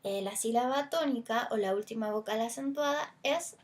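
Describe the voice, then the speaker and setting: A woman's voice: on the high side, normal speed. A Chilean woman teacher explaining a lesson, stretching stressed vowels to demonstrate them and talking things through with small fillers. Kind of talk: recorded language lesson.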